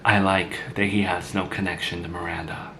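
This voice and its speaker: A man's voice: low voice, flat delivery, normal speed, noisy background, lightly acted. A man voicing a blunt, sarcastic grown woman who had a child young, in an amateur drama. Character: blunt sarcastic mother, grown woman, once a teen mom.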